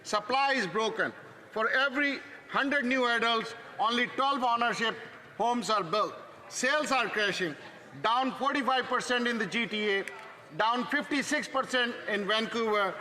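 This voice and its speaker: A man's voice: very high voice, normal speed, bright, forceful tone. A man putting a parliamentary question in short, punchy sentences. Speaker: opposition member of parliament. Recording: reverberant hall with faint noise.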